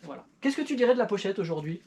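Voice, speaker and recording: A woman's voice: mid-range voice, expressive, racing, gravelly, darkish tone, a little hiss or hum. A middle-aged woman in casual chat, reviewing an old record with her child in a playful, self-mocking way with many fillers. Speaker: YouTuber and parent.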